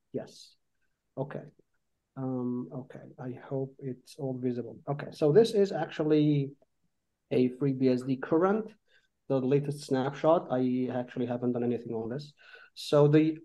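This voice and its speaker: Man demoing software over a group video call. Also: mid-range voice. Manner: relaxed and informal, with frequent fillers and restarts. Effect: heard over a group video call. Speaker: software developer and company co-founder. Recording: dull lo-fi video call audio.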